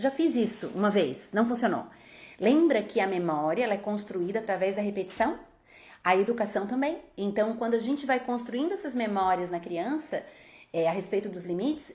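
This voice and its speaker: A pediatrician giving a talk to parents, acting out parents and children in quoted voices. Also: female voice, medium pitch, a little mellow. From Brazil.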